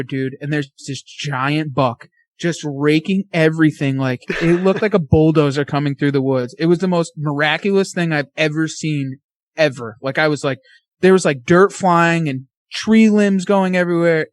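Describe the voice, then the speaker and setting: A man guesting on a podcast, excitedly telling a casual story full of fillers and slang. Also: fairly high pitch, dry recording.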